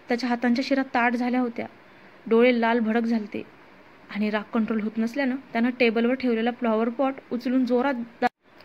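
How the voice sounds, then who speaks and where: Lady reading a dramatic romance story out loud, highish voice, dull lo-fi sound. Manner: dramatic, expressive. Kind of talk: audio story narration.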